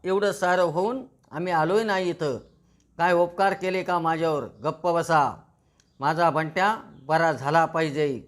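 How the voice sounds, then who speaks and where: A man's voice: fairly high pitch, steady tone, measured pace, natural voice. A man voicing a distraught village aunt who pleads and scolds in turn. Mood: threatening.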